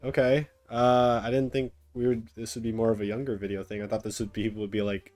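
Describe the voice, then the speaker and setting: A young man talks through a clip he is watching, stopping and restarting his thoughts. His voice sits low, with faint music playing behind him. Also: flat delivery, fairly quick, darkish tone. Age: young adult. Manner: musing, hesitant, many fillers. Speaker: reaction video host. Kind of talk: casual commentary over a clip.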